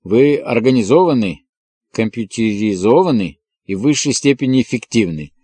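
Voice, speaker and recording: A man's voice: mid-range voice, lively intonation, normal speed, dark tone, slightly rough. A man reading an audiobook and voicing a wry male friend who jokes with the hero during a phone call. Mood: teasing. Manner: joking, mock-teasing.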